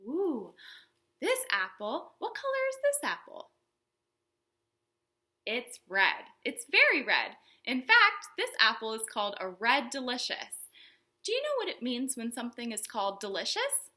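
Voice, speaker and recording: Leading a storytime lesson for small children, this librarian speaks in a high voice with huge, wide pitch swings, bright and forward in tone. She takes her time, explaining things simply in a sing-song way and repeatedly asking her young viewers questions.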